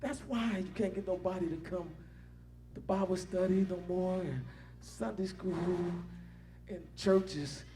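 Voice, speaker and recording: High-voiced preaching bishop, rising peaks. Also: male voice, unhurried, dark tone, a little hiss or hum. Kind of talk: sermon.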